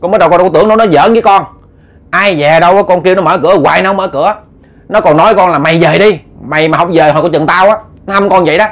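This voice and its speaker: A man's voice: high-pitched, quick pace, pitched above the performer's own voice. A man with a Southern Vietnamese accent voicing an agitated younger village man who stammers out an indignant complaint. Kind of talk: storytelling voice acting.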